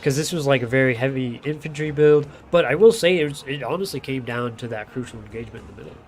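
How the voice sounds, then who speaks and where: A man's voice: mid-range voice, quick pace. A man with a nasal voice from blocked sinuses, casually giving loose, chatty play-by-play commentary on a strategy game as a streamer, swearing now and then. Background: music playing.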